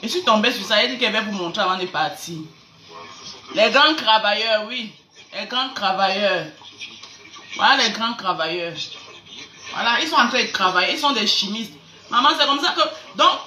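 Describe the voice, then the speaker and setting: A Cameroonian-accented woman hosts a casual live stream, greeting viewers and mocking people with sarcastic, stammering repeats. Her voice is a little high and sharp, in an echoey room with faint background noise.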